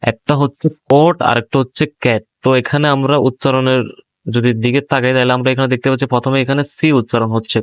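A male primary school English teacher takes a class of young pupils through a textbook page, explaining each English word in Bengali and stopping to question them. His smooth, clear voice sits at a middle pitch, and the sound is close and dry with no echo.

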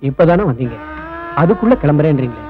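Earnest brother, fast, husky, phone-thin audio, faint music. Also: male voice, on the high side, big pitch swings. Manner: earnest, reassuring. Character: earnest young husband's brother. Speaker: groom's brother. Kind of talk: dubbed film drama. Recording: tinny phone-like dub over film music.

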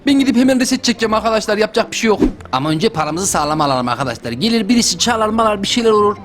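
Very fast and high in pitch, a young gaming YouTuber cracks jokes through his let's-play commentary. He gets excitable and speaks straight to the people watching.

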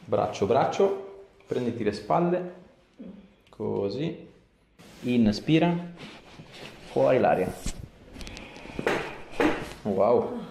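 A male chiropractor with a medium-pitched, dark voice speaks extremely slowly, with long pauses, yet remains animated. He coaxes a patient through a treatment in short, repeated directions, recorded in an echoey small indoor clinic room with clear background noise.

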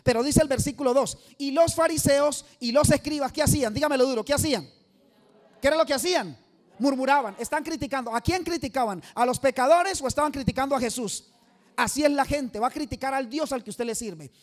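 A man's voice: very high voice, brisk. A man preaching an evangelistic sermon to a congregation, emphatic and quizzing the listeners for answers. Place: church service before a live audience.

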